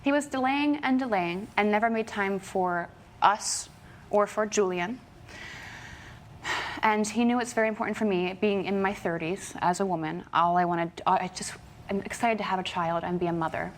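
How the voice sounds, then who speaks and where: A woman's voice: mid-range voice, normal speed, slight background noise. A woman in her thirties pleading her case as plaintiff in a televised courtroom. She talks insistently and defensively over a faint room ambience. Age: 30s. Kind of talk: courtroom testimony.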